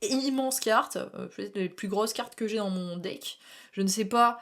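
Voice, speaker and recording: A woman's voice: medium pitch, measured pace, fairly bright tone. A young woman doing a casual tarot reading, talking chattily, laughing often and dropping English slang. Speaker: tarot reader.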